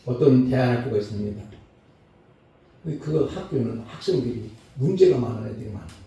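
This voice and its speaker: Gravelly man preaching in an echoey church. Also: animated, brisk. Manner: preaching with sudden swings between loud, high calls and low, hushed lines. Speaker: pastor. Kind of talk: Sunday sermon. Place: church sanctuary. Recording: very echoey church hall, mic far off.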